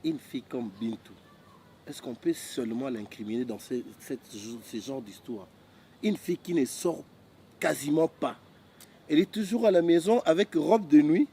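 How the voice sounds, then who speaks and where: A man playing a calm friend who questions and reasons in a film. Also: a little high, moderate pace, a little hiss or hum, lightly acted. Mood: reasoning. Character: calm friend defending a quiet girl. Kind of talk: Congolese film acting.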